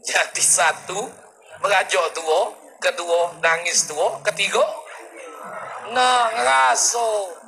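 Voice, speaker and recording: A man preaching, his voice pitched high and bright with a gravelly edge. He tells jokey stories and acts out the people in them. Soft music plays underneath. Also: steady tone, slow, low-quality recording. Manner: jokey storytelling with acted-out quotes. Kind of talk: humorous sermon.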